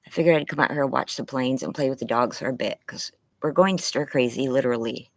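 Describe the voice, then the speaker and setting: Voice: medium pitch, fast, no room sound. Anxious livestreamer talking through a face mask. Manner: apologetic, rambling. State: strained tired throat, voice wearing out. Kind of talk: casual livestream chat. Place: outdoors in a yard.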